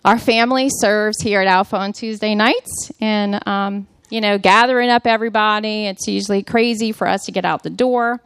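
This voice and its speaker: A woman's voice: mid-range voice, steady tone, moderate pace, hardly any pauses, fairly bright tone, clean tone. A woman in her thirties giving a personal devotional talk to a mothers' group, telling a story with humor in a chatty way.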